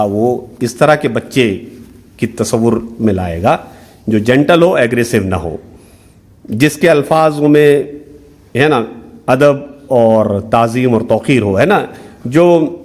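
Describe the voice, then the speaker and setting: A man's voice: medium pitch, very animated, a little mellow. A middle-aged man giving a workshop lecture. He explains step by step, drops English terms into his talk and keeps asking "hai na?". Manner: explanatory, mixing in English terms, frequent "hai na" tag questions.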